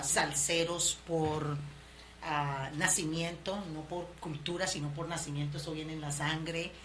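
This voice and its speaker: A woman's voice: deep voice, a bit bright. A woman in her fifties from Colombia with a Cali accent, telling her life story in an interview, with many fillers and restarts. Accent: Colombian Spanish from Cali. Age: 50s. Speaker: interview guest. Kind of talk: relaxed personal storytelling. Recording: noisy background ambience.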